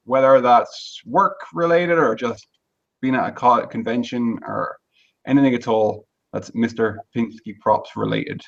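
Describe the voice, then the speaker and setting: A male host asking a guest relaxed questions, with many fillers. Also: mid-range voice, gravelly. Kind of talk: casual interview chat. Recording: distant, dull lo-fi sound.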